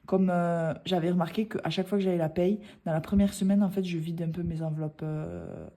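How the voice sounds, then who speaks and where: A woman's voice: fairly low pitch, lively intonation, a little fast, dark tone. A woman, chatting casually in a vlog, rambling with many hesitations. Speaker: budgeting vlogger. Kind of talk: casual chat.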